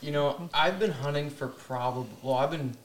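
A man's voice: on the high side, normal speed, slight background noise. A man telling a joking anecdote in casual family chat. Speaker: family guest. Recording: roomy echo.

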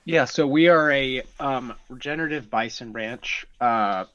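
A man who runs a bison ranch, a podcast guest who speaks in a halting way with many pauses. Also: medium pitch, a bit bright, clear, resonant tone, dry recording, lo-fi sound. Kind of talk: casual podcast interview.

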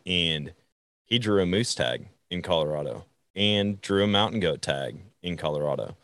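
A man hosting a podcast, speaking in a relaxed, conversational way. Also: low voice, no echo. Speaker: podcast host. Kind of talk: casual chat.

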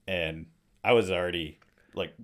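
A man from Michigan, co-host of the show, excitedly retelling a story in casual chat. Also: low-pitched, unhurried. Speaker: co-host telling a hunting story.

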